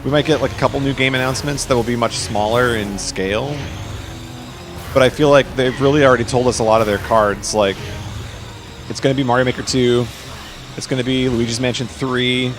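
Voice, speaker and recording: A man's voice: mid-range voice, steady tone, fairly quick, music in the background. A man casually chatting with his viewers and answering their questions while he plays a game on a live stream. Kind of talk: live gameplay stream commentary.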